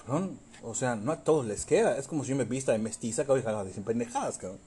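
A Mexican man from Yucatán in a casual podcast chat, crude and joking, swearing nearly every line, with a scratchy throat he keeps clearing. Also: medium pitch, expressive, very fast, dark tone. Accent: Mexican Spanish. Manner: crude, swears constantly, jokey. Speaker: podcast co-host.

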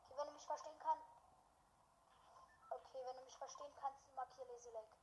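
A young teammate in casual game voice chat, chatty and asking quick questions. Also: high-pitched, steady tone, slight background noise, poor audio.

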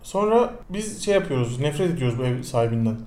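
Quick, chatty young man, echoey room. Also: mid-range voice, very animated, a little mellow. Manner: chatty, teasing, argumentative. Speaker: podcast co-host. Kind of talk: casual chat.

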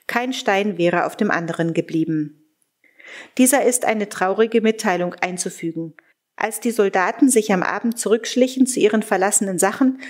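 A woman reading a wartime diary aloud in a measured, earnest way. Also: mid-range voice, darkish tone. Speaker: reader.

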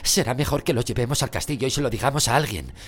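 A man's voice: huge pitch swings, slow pace, full character voice. Harry Potter, a man doing a desperate boy wizard. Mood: urgent. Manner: high strained shouting.

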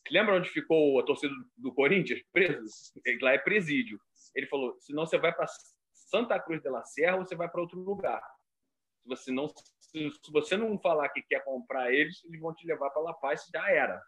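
A comedian guest from Rio de Janeiro, Brazil, speaks Portuguese with a carioca accent while telling stories in a casual chat. His male voice runs on the high side, a little fast and slightly rough. He's animated and acts out the voices of people in his stories.

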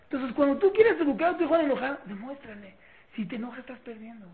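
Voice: high-pitched, quick pace. A teacher with a Mexican accent giving a religious parenting lecture, acting out family scenes with mocking rhetorical questions. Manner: lively, acts out family scenes with mock questions. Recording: tinny phone-like line with faint noise.

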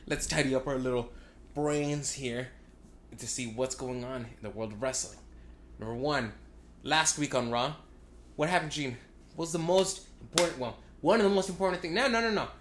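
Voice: mid-range voice, fairly bright tone, reverberant, a little hiss or hum. A podcast host talking casually and emphatically in slang, often repeating phrases. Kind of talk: casual wrestling podcast talk.

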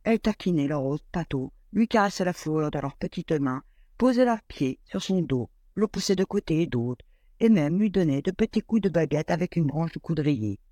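A man's voice: fairly high pitch, expressive, normal speed, warm tone, no room sound. Man reading a fairy tale aloud. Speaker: storyteller.

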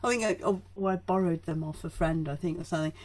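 A woman with a soft Yorkshire accent chats casually, emphatically, often breaking off and circling back mid-thought. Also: fairly low pitch, fast talker. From northern England (Yorkshire), born in Essex. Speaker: guest, performer. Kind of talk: casual conversation.

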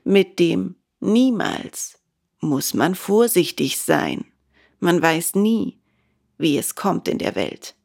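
A woman voicing a wise, poor old woodcarver father who speaks low and admonishing. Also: expressive, slow, creaky, darkish tone, heavily acted.

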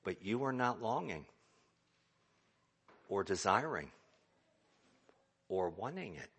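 A man preaching a sermon as a pastor, swinging from loud exclamations down to hushed whispers. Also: lowish voice, sing-song, slow, breathy edge.

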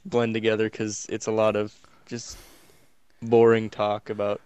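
A man's voice: on the low side, monotone, unhurried, background noise. A man co-hosting a casual chat, laid-back and a little hesitant, with dry remarks. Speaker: podcast co-host.

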